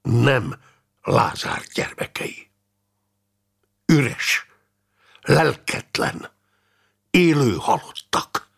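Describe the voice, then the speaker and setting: A man's voice: mid-range voice, expressive, vocal fry, a bit bright, husky, exaggerated voice. A man voicing a hard-bitten knight who speaks sharply and with command. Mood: cold. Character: hard-bitten male knight, angry, then cold.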